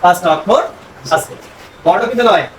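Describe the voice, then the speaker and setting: A man teaching a grammar class, firing quick questions at his students. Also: high voice, animated, crowd noise. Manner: quizzing students with rapid questions. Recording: echoey classroom, distant mic.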